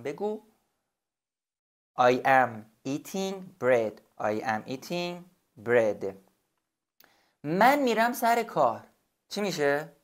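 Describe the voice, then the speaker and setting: A man teaching a beginner language lesson, patiently repeating and spelling out each example slowly. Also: mid-range voice. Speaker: English teacher.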